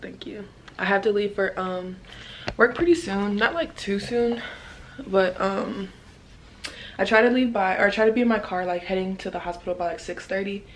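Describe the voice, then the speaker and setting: A woman's voice: mid-range voice, normal speed, slight background noise. A young woman, a night-shift nurse, chatting casually to her phone camera at home, rambling with lots of fillers.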